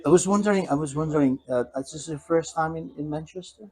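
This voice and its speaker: A man from the Republic, hosting a casual radio interview, friendly, laughing easily, with halting phrasing. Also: a little high, darkish tone, poor audio. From Czech Republic.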